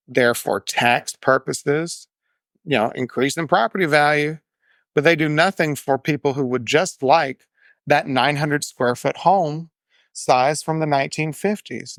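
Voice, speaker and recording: Opinionated Texan man, gravelly and dry. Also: medium pitch, a bit bright, dry recording. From Texas. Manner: opinionated, emphatic, with small self-corrected flubs. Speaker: podcast host. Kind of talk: unedited solo podcast commentary.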